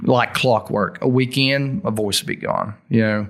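A man's voice: mid-range voice, fairly even intonation, unhurried, a bit bright. A middle-aged man with a thick Southern US accent, telling stories casually in an interview in informal, folksy language. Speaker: interview guest, heavy metal singer.

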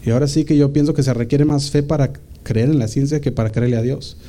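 A man delivers a sermon in a deep, very dark and mellow voice of middling pitch. He reads scripture with rising emphasis, then talks freely with casual restarts. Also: steady tone, fast. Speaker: preacher. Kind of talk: sermon reading and explaining scripture.

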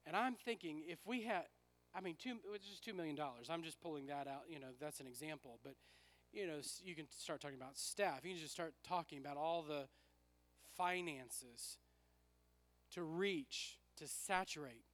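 A man preaching a sermon with personal stories as a pastor, his raspy voice worn from use, repeating phrases for emphasis. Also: a little high, moderate pace, a bit bright.

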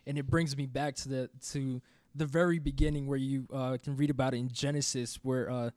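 A man co-hosting a casual podcast discussion, speaking in a steady, reflective way. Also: medium pitch, fairly quick, clear, resonant tone, no room sound, studio quality. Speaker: podcast co-host.

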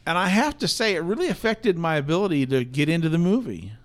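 Male podcast co-host, fairly high voice, chatty and rambling. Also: very animated, fast. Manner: rambling, filler-heavy storytelling. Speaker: podcast co-host, film reviewer. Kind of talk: casual film review chat.

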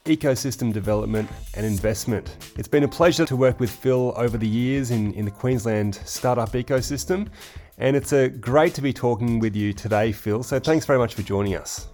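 A man's voice: mid-range voice, a little fast, a little mellow, soft background music. A man hosting a podcast interview, friendly and encouraging, with short nods of agreement. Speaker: podcast host.

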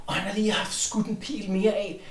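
A man narrating as game master, halting often with fillers as he describes the scene. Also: sits high, fairly even intonation, fairly bright tone, roomy sound. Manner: hesitant, many fillers.

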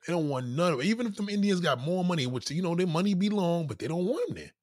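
A man's voice: sits high, fast talker, dry recording, studio quality. A man rants bluntly and profanely to his live-stream viewers, reading out their comments. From New York. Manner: blunt, profane, animated street talk. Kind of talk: casual live-stream rant.

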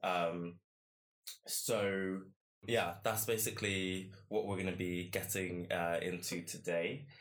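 A man with a low voice hosts a podcast in a conversational style. His delivery is reflective and a bit hesitant, as he lays out his thoughts and puts questions. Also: little pitch movement, slow, a bit bright. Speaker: podcast host.

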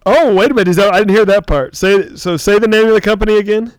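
A man's voice: high voice, quick pace, dry recording. An American man hosting a quiz in a casual, bantering style. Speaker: quiz host.

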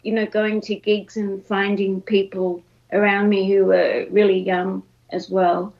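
Gravelly Australian woman recalling her youth. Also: mid-range voice, level tone, unhurried, dull audio. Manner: reflective, with frequent fillers. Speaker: podcast guest. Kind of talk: casual interview.

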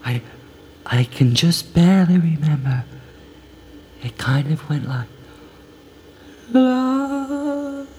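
A man voicing a desperate young woman client who talks in a hushed, halting whisper in a comedic audio drama. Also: medium pitch, a little hiss or hum, lightly acted. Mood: wistful pleading.

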